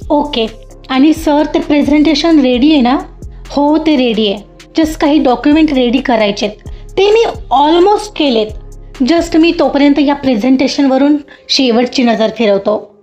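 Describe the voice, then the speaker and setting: A woman's voice: high voice, expressive, unhurried, a little mellow. A woman voicing a stressed, angry male office boss who talks in a worried, bossy way. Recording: dull lo-fi audio with faint music.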